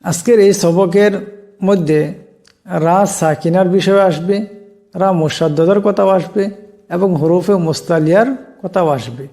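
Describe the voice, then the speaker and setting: A man teaching Quran reading in Bengali, explaining slowly and deliberately, stretching out each example word. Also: sits high, warm tone. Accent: Bangladeshi Bengali. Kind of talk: Quran recitation lesson.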